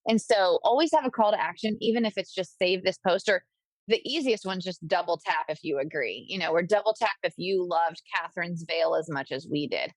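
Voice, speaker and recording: A woman's voice: fairly low pitch, a little fast, dry recording. A woman guest on a podcast, talking enthusiastically and casually as she gives business advice to wedding pros. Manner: enthusiastic, upbeat, advice-giving. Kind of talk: casual interview talk.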